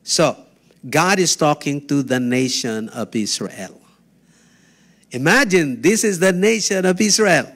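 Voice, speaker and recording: Preacher guy, high bright voice, keeps asking the crowd "right?". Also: expressive, a little slow. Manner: preaching with emphatic call-and-response. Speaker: pastor. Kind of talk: sermon.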